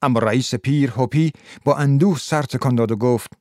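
A man reads a literary story in a measured, even narrating voice. The sound is dry and close to the microphone, with no room around it. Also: mid-range voice, dry recording.

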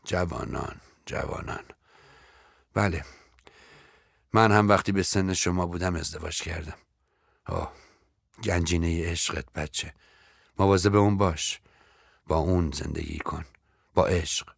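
A man's voice: low voice, vocal fry, pauses often, slightly rough, no echo, studio quality, full character voice. A man voicing a melodramatic, self-pitying older woman who is a famous actress, stretching out her sighing lines theatrically. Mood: melodramatic sorrow.

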